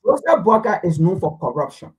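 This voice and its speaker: A commentator speaks emphatically on a talk show, his pitch rising and falling with animation. He drives home his points with steady insistence. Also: fairly quick, a little hiss or hum, low-quality recording. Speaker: panelist. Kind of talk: political commentary.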